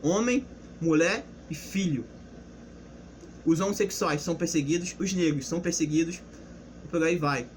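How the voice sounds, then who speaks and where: A man's voice: on the high side, moderate pace, pauses often, a little hiss or hum. A young man giving a casual, unscripted history lesson, explaining loosely with restarts and rhetorical questions. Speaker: history presenter.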